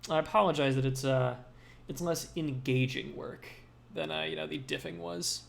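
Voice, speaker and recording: A man on a coding livestream, thinking aloud and hedging as he works. His voice sits a bit high and has a gravelly fry. Soft keyboard clicks sit faintly behind him. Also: fairly even intonation, moderate pace, a little hiss or hum. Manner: mumbling to himself, self-talk with hedges. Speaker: programmer livestreaming his work.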